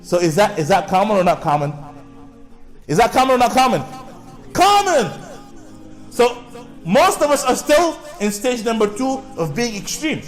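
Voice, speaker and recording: High-voiced man lecturing with rhetorical questions. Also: big pitch swings, moderate pace, pauses often, faint music behind. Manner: asks rhetorical questions and answers them; repetitive, with frequent restarts. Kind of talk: public talk to an audience.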